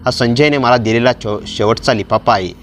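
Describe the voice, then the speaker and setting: A man voicing an older aunt who speaks in a hushed, trembling way out of fear. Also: mid-range voice, moderate pace, a little hiss or hum, close to an everyday voice. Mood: fearful.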